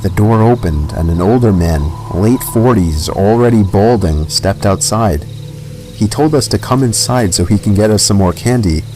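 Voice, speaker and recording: Male narrator, lowish voice, measured first-person horror narration, faint music bed. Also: mellow, poor audio.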